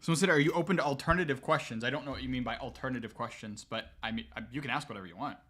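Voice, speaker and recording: Speaking very fast in a medium-pitched voice, a casual male streamer fields questions on a livestream Q&A. He's laid-back and chatty, giving long explanations full of "um"s.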